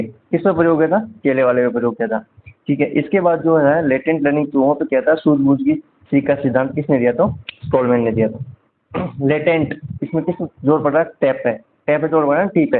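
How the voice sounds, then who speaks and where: A man giving a revision lecture for exam prep, asking quiz questions and answering them himself. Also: a little high. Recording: tinny phone-like audio.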